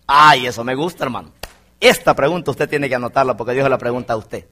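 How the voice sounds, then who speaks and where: A man's voice: mid-range voice, fast talker, sharp tone. A male pastor preaching a fervent sermon to his congregation, often calling his listeners brother. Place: church congregation.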